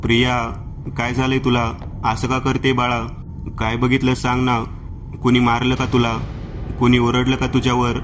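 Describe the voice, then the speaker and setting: A man's voice: medium pitch, monotone, moderate pace, background noise, natural voice. A man voicing an anxious, caring village mother who pleads with and fusses over her teenage daughter in a horror story. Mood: worried.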